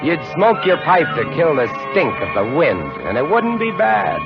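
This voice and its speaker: An actor narrating as a lighthouse keeper with vivid, dramatic storytelling in a 1950 radio drama. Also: male voice, fairly high pitch, huge pitch swings, normal speed, creaky, full character voice. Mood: tense. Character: lighthouse keeper recounting a horror, male, adult. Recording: dull old radio broadcast with music.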